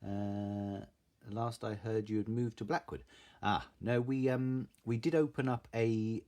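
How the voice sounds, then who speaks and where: A man's voice: fairly low pitch, a little mellow. A man chatting casually and informally as he hosts a craft live stream. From Salisbury, southern England. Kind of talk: casual live stream chat, greeting viewers.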